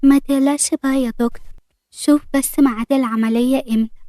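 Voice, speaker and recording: A young bride hiding her illness, speaking softly to reassure those around her, voiced by a woman narrator. The voice is mellow, a bit high, and dry. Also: fairly even intonation, fast, no room sound, natural voice. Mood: reassuring. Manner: soft, reassuring.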